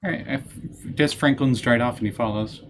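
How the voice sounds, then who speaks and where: A man's voice: mid-range voice, normal speed, slight background noise. A man playing a tabletop game, casually improvising and narrating his character's actions. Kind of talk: casual improvised role-play.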